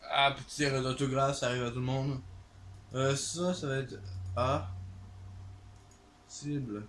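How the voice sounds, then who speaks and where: A man's voice: medium pitch, fairly even intonation, a little slow, fairly bright tone, slight background noise. A man with a Québécois French accent, thinking aloud hesitantly with lots of fillers while commenting on a game he is playing. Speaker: gaming channel host. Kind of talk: let's play commentary.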